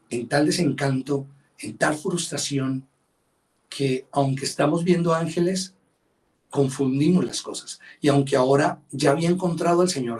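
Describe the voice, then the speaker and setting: A male pastor preaching a sermon, quoting scripture and acting out the voices with expressive emphasis. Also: mid-range voice, distant mic. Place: church service livestream.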